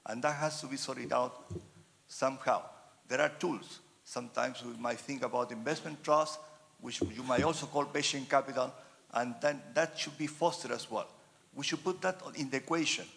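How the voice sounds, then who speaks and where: A man from Chile, an audience member asking a long, halting question full of fillers in a large hall. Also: medium pitch, gravelly, a bit bright. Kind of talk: audience question at a panel event. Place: large wood-panelled hall. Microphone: roving handheld mic.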